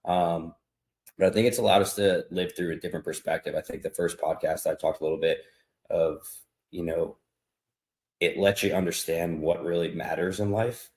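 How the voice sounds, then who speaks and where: A man speaking as a podcast guest in a relaxed, reflective casual chat, pausing often with fillers. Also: deep voice, roomy sound.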